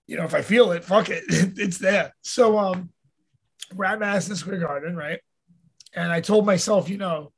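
Swearing freely and acting out his own quotes, this New York MMA fighter turned podcast host rambles through a casual, profane chat. His voice is high with a breathy edge.

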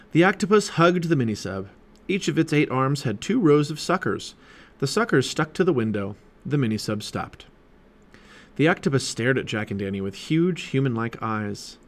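A man reading a children's chapter book aloud as a parent, in an animated storytelling way. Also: mid-range voice, normal speed.

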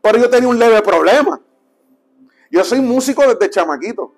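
A young adult man, a preacher telling his testimony as a lively storyteller who acts out the dialogue. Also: moderate pace, soft background music. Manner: animated storyteller, acts out dialogue and drops low for quotes.

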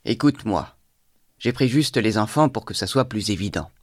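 A man's voice: on the low side, lively intonation, normal speed, no echo, studio quality. A man reading aloud, voicing a bitter young intellectual who talks in a feverish, exalted monologue.

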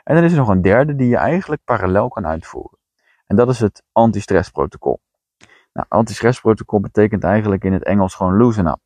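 Deep-voiced blunt Dutch-speaking coach. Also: male voice, lively intonation, fast, a little mellow, no echo. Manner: direct, blunt, plainspoken. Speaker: podcast host and coach. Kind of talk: coaching monologue.

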